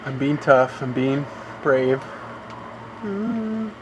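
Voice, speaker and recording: A man's voice: medium pitch, animated, drawn-out words, noisy background. A man streaming a game live, rambling through long complaints and often saying "you know". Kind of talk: live gameplay commentary.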